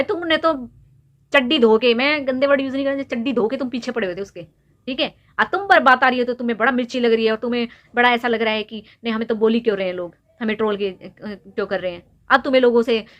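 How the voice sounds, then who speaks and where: A young woman vlogger lecturing and scolding someone directly to camera, repeatedly pressing her points home with rhetorical questions. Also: a little high. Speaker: YouTube vlogger. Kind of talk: direct-to-camera opinion rant.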